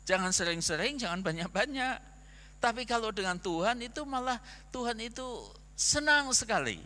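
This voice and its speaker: A male pastor preaches an animated sermon, tossing out rhetorical questions and acting out quotes. His voice is very high, bright and forceful. A long reverb from the church hall trails every phrase. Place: church sanctuary.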